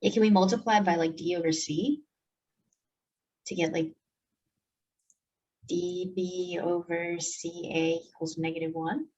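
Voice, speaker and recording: A woman's voice: fairly low pitch, steady tone, unhurried, pauses often, warm tone, husky, highs cut off. A woman co-teaching a math lesson, wry and self-mocking as she answers questions. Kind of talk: co-teaching a lesson, casual banter.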